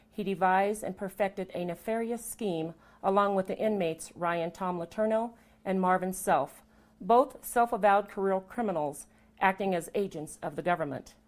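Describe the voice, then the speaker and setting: An older woman from Colorado reading a prepared statement as testimony, firm and indignant, with pointed asides. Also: mid-range voice. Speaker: interviewee giving testimony.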